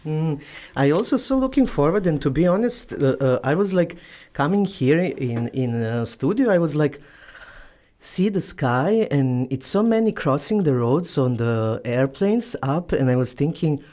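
A woman hosting a radio show from a studio, speaking non-native English in a halting way, with fillers and laughs. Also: low-pitched, animated, dark tone.

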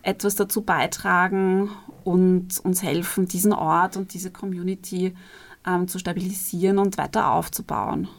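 A woman's voice: lowish voice, fairly even intonation, moderate pace, gravelly. A middle-aged woman dancer, answering interview questions fluently. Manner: fluent and articulate. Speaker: dancer and theatre co-founder.

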